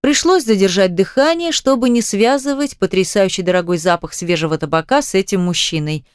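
A woman's voice: medium pitch, a little fast, smooth, dry recording, clean studio sound. A woman reading a novel aloud in the first person, with a tense, wry delivery. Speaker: audiobook narrator.

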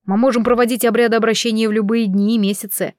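A woman reading the part of a calm, dismissive young man who speaks coldly and evenly. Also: fairly high pitch, fast talker, no room sound, studio quality, lightly acted. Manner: cold, level.

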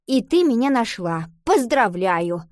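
A woman voicing a defensive young schoolgirl witch who talks mockingly in a loud, high voice. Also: very animated, measured pace, dry recording, studio quality. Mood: sarcastic.

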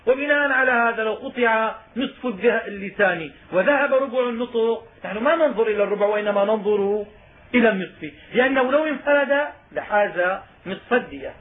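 A man's voice: high-pitched, a little fast. A man teaching Islamic law, reading lines from a text and then explaining each one in plain speech, with emphasis on key words. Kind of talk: explaining a legal text in a lesson. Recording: tinny phone-like sound with faint noise.

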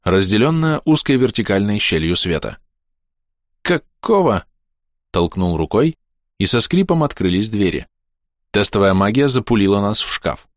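A man narrating a first-person fantasy audiobook in a measured, wry storytelling manner. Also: lowish voice, no room sound, studio quality.

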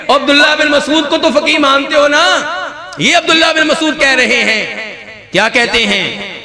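A man preaches with a very high voice, pressing his points by posing questions and then answering them himself. His talk carries the feel of a question-and-answer lecture. The murmur of a gathered crowd stays audible behind him. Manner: emphatic preacher who asks and answers his own rhetorical questions. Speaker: Islamic scholar.

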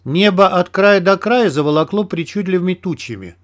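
A man reads a first-person audiobook in a steady, even storytelling manner. His voice sits fairly high for a man. This is scripted narration read at an unhurried pace.

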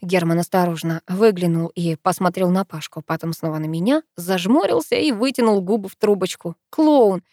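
A woman reading a first-person audiobook in a lively, expressive way. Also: fairly low pitch, fairly quick, few pauses, no room sound, studio quality. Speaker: audiobook narrator.

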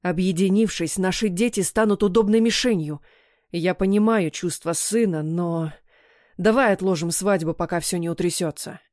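A woman's voice: on the low side, moderate pace, darkish tone, no echo, clean studio sound, close to an everyday voice. A woman voicing a stern middle-aged businessman father who speaks in firm, clipped phrases in an audiobook. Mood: persuasive.

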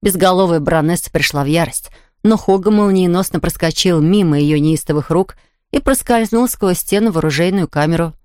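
Woman narrator, lowish voice, dry close recording, expressive storybook reading. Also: fairly quick, no echo. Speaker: audiobook narrator.

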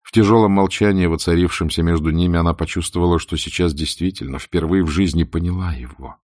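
A man narrating an audiobook in a measured, expressive way, with a husky, gravelly voice. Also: low voice, no echo, studio quality.

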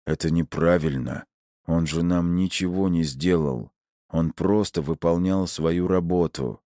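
A soft-hearted young henchman speaks quietly and earnestly in a deep, low voice, as a male narrator plays him. He sounds pained and reproachful, and the sound is dry and close in this audiobook reading. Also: a little slow, dry recording. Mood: upset.

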